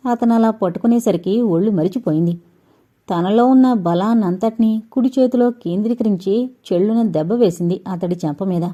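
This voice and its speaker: A woman reads a novel aloud as an audiobook narrator, steady and measured in her storytelling. Her voice is mellow and dark, and the recording has a dull, lo-fi sound. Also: mid-range voice.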